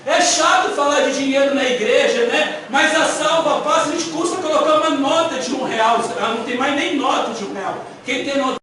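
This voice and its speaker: A man preaching a sermon as a missionary, animated and storytelling, acting out voices from Bible stories. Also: very high-pitched, normal speed, hardly any pauses. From Brazil. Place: church hall. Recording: echoey church hall, mic far off, audible noise.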